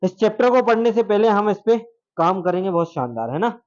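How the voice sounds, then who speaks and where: High-voiced joking male law lecturer. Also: big pitch swings, fairly quick. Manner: chatty, jokey, asks students questions. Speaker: law teacher. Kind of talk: classroom lecture. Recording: dull lo-fi classroom recording.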